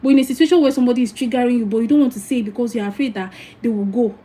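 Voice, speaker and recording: Animated Nigerian woman, mellow voice. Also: a little high, rapid-fire, low-quality recording. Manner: animated, frank, preachy, with asides to viewers. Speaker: spiritual teacher. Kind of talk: casual livestream talk.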